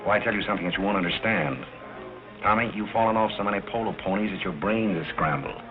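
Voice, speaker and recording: A deep-voiced gentleman butler played by a man in an old 1930s screwball comedy. He is formal, measured and wry, on a dull vintage film soundtrack with music playing strongly behind him. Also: lightly acted. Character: dry, dignified gentleman working as a butler. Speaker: actor in a film.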